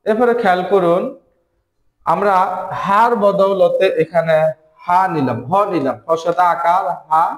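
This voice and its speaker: A man teaching Quran reading, patiently spelling out letters and syllables and repeating them slowly for learners. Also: high voice, reverberant, poor audio.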